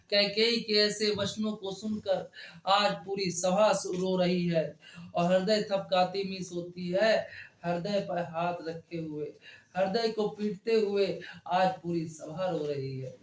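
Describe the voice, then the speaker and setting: Here a male teacher with a high-pitched voice explains a Hindi poem line by line, his words echoing around the room. He moves slowly, repeats himself, and quizzes his students along the way.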